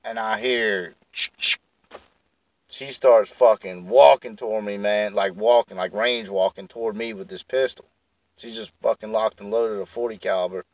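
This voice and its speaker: A man's voice: fairly low pitch, steady tone, a little slow, no room sound, far from the mic, low-quality recording. A man telling a story in a rambling, profane, heated way. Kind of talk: casual storytelling.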